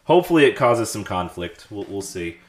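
A man's voice: on the low side, big pitch swings, a little fast. A man hosting a casual group podcast chat, his voice echoing around an indoor room. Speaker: podcast host. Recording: echoey, roomy sound.

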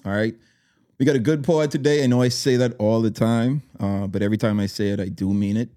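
A man's voice: lowish voice, steady tone, a little fast, warm tone, no echo, clean studio sound. A man hosting a podcast, upbeat and hyping up his guest with loose, chatty talk. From Bahamas. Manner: upbeat, hype-style welcomes, lots of fillers and restarts. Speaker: podcast host.

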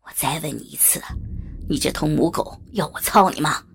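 A woman voicing a cruel, leering middle-aged man in an audio story, with a low, gravelly, taunting voice. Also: moderate pace, full character voice. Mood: sneering. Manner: sneering, menacing, taunting.

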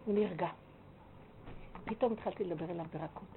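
A woman giving a religious lecture, telling a counseling story in an animated, emphatic way. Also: fairly low pitch. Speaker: religious teacher. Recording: tinny phone-like line with faint noise.

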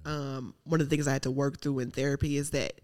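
A woman talking in an outspoken, playful and expressive way in a candid conversation. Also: extremely low pitch, quick pace.

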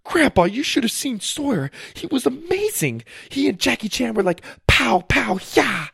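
A man voicing an excited young girl who gushes and squeals. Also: very high voice, normal speed, gravelly, breathy edge, dry recording, clean studio sound, voice pushed up, heavily acted. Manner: squealing, gushing.

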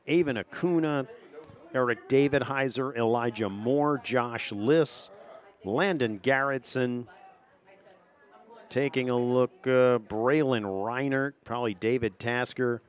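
A man announcing a local high school football broadcast, steadily reading off player names and opponent stats. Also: smooth. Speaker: play-by-play announcer. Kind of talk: local sports broadcast commentary.

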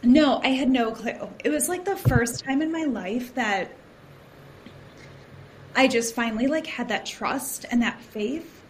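A woman who is a guest on a podcast, sharing her story in a chatty, animated way with many fillers. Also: on the high side, unhurried, slight background noise. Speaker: podcast guest, founder of a moms community. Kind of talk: casual podcast conversation.

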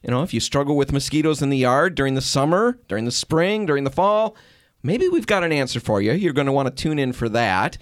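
Animated, chatty middle-aged radio host. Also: male voice, mid-range voice, fairly quick, no room sound, studio quality. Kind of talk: casual radio chat. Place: radio studio.

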